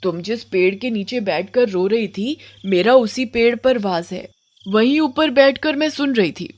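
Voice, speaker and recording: Cartoon storybook: a caring witch with a vengeful streak, voiced by a woman, calm and firm. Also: fairly high pitch, a little slow. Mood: gentle. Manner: soothing, then stern. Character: kind-hearted female witch, protective and vengeful.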